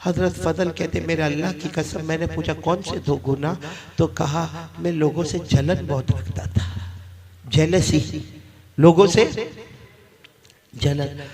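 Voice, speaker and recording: A male preacher telling a story in a sermon, rising to shouted appeals and dropping to soft asides. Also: on the high side. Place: gathering with a live audience. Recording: crowd audible behind.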